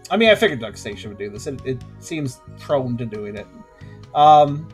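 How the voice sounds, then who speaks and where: A man's voice: medium pitch, sing-song, normal speed. A man hosting a gaming video with casual let's-play commentary and wry, joking asides. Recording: light game music behind.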